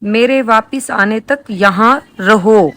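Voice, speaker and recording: A woman's voice: on the high side, a bit bright, no room sound. Woman reading short prompt sentences. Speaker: prompt reader.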